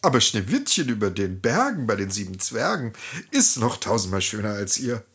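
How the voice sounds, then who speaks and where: A storyteller voicing a dutiful, weary magic mirror that speaks in a measured, matter-of-fact way. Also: medium pitch, big pitch swings, a bit bright, breathy edge.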